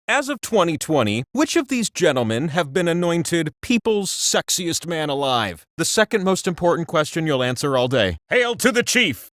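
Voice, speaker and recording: A man's voice: high voice, fairly bright tone, no room sound, studio quality. A man voicing a cheeky, vain giant talking wheel that hosts a comedic trivia video game with theatrical, mock-grand sarcasm. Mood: cheeky, showy. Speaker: quiz game host. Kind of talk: comedic game show hosting.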